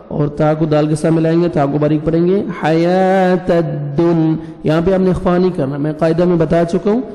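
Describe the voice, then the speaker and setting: A man teaches Quran recitation in an echoey room with faint music in the background. His voice sits a bit high but sounds mellow and soft-edged. He goes very slowly, spelling out each letter and vowel mark before chanting the verse, and explains the rules in quick Urdu asides. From South Asia. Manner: brisk explanations of pronunciation rules between recitations. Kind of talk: slow syllable-by-syllable recitation lesson with explanations.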